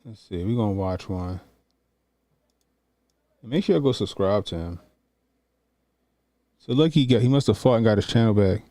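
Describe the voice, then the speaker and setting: A man's voice: on the low side, expressive, moderate pace, pauses often, dark tone, dry recording. A man in his early forties chatting loosely and profanely as he sets up a video to react to. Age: 40s. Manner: loose, profane, thinking aloud. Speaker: reaction streamer. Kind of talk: casual commentary.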